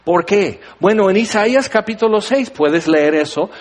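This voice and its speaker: A man preaching a sermon in an animated way, acting out biblical figures with humor. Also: high-pitched, moderate pace.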